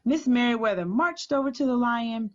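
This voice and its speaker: A woman reading a children's storybook aloud as a teacher would, clearly, deliberately and expressively. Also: fairly high pitch, muffled recording.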